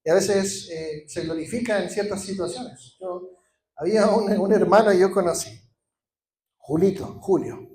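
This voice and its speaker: In a church, a Chilean pastor preaches a sermon with a Chilean Spanish accent, growing passionate and building to emphatic repeated declarations amid some hesitations and restarts. His voice sits high and a little mellow at normal speed, in an echoey room.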